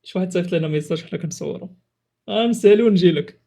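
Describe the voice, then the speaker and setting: A man's voice: high voice, very fast, creaky, mellow. A man with a Moroccan accent chatting casually and teasingly as he reacts to clips, with exclamations. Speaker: video creator reacting to funny clips.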